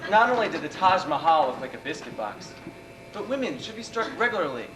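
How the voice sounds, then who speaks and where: A young man playing Elliot, a vague, bored ex-husband, with deadpan delivery in a school stage comedy. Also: a little high, a little fast. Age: young adult. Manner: deadpan, dry. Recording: distant echoey stage audio with noise.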